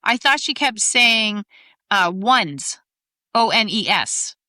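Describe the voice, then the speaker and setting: An American woman chatting casually on a podcast, winding through stories with plenty of asides. Her voice is bright and forward. The sound is dry and close. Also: a little high, expressive, measured pace, no echo. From United States. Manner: chatty storytelling, lots of asides and fillers. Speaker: podcast co-host. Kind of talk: casual chat.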